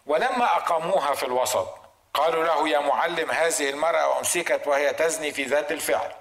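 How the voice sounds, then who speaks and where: A man with an Egyptian Arabic accent preaches at a rapid clip in a slightly high, bright voice. He drives his points home with rhetorical questions and acted-out dilemmas. The sound carries a roomy echo. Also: creaky. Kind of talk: sermon.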